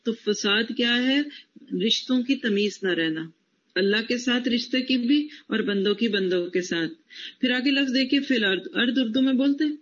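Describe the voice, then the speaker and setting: Woman teacher quizzing a class, muffled recording. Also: a little high. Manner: quizzes students on word roots and praises answers. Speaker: Quran Arabic teacher. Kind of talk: classroom word-by-word lesson.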